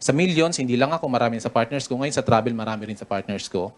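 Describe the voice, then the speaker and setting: Animated man telling travel stories. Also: mid-range voice, fast talker. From Philippines. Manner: chatty, jokey, laughs while telling stories. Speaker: motivational speaker, business mentor. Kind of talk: motivational story-telling talk.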